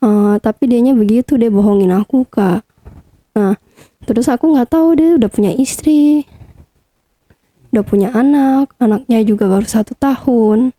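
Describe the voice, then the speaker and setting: Very dark-toned young woman telling a story. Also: fairly high pitch, normal speed, pauses often, no echo. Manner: chatty, hesitant with many fillers. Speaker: interview guest. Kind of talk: casual personal storytelling.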